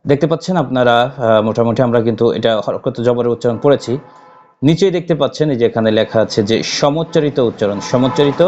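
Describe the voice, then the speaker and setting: A man's voice: mid-range voice, darkish tone, a little hiss or hum. Patient male Quran teacher. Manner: drawn-out, emphatic letter-by-letter recitation with slow stretched syllables; patient, repetitive explaining with frequent pauses. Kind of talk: spelled-out recitation lesson. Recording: slightly dull lo-fi audio.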